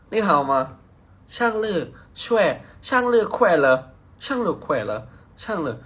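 A man's voice: mid-range voice, fairly bright tone, slightly rough. A young man from hosts a casual phone live stream. He reads out viewer comments in a playful, teasing way and swears casually. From Nakhon Si Thammarat, southern Thailand.

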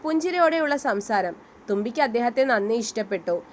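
Lady narrating a story, bit high voice, faint hiss behind. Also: animated, fairly quick. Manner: reads all the characters' dialogue in her own voice.

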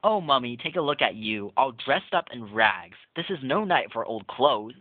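Voicing a fearless, playful little girl in a Halloween story, a man reads aloud in a chirpy, coaxing way at normal speed. His medium-pitched voice is very animated, and the recording is dry, tinny, and lo-fi like a phone.

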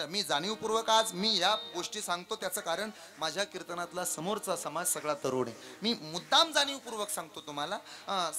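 A man preaching a devotional kirtan sermon before a live audience. He tells stories dramatically, dropping to hushed asides and then rising into loud declamation. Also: high voice.

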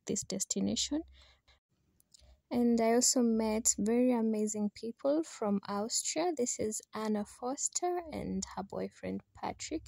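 A woman's voice: on the high side, creaky, darkish tone, no room sound, studio quality. A young adult woman with a Kenyan accent, chatting to viewers in a casual voice-over for a travel vlog. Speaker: vlogger.

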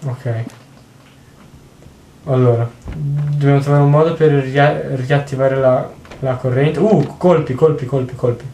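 Excitable swearing gamer, roomy sound. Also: male voice, mid-range voice, measured pace, lo-fi sound. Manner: excitable, swears constantly, cries out at the game. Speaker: gameplay commentator. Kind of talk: casual let's play commentary. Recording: roomy home recording, faint noise.

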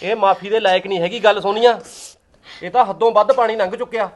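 A man's voice: high voice, fairly even intonation, fast, natural voice. A man playing a husband in a short-film drama, speaking earnestly and reproachfully.

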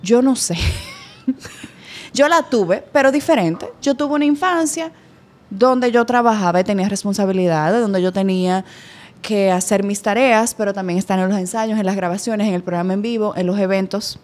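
A woman's voice: medium pitch, moderate pace. Candid, chatty woman. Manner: candid, animated storytelling with lively quoted voices. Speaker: podcast guest. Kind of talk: casual chat.

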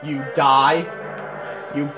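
A man casually commenting on a video game as he plays, excitable, yelping and cheering at hits. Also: on the high side, extremely slow. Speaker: let's play gamer. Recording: roomy, game music behind.

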